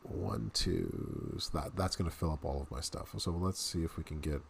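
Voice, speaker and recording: Deep-voiced man chatting over gameplay. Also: lively intonation, moderate pace, vocal fry, slight background noise. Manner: chatty, laughs often, talks to viewers. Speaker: game streamer. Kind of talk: casual gameplay commentary.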